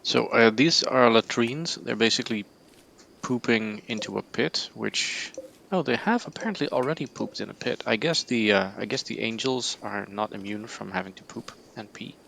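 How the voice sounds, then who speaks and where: A man's voice: mid-range voice, moderate pace, gravelly, a bit bright, a little hiss or hum. A man streaming a game live, casually thinking aloud in a rambling, sometimes tongue-tied way, sleepy and yawning. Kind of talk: casual let's-play commentary.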